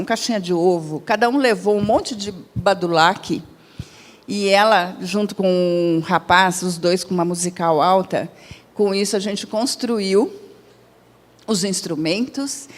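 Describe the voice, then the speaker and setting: Brazilian lady giving a talk in a hall, lots of "né?", mid-pitched voice, long echo around her. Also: moderate pace. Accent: Brazilian Portuguese. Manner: conversational, asks the audience questions, frequent "né?"; acts out quoted dialogue in her own voice. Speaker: lecturer at a spiritist center. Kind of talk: spoken public lecture. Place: lecture hall.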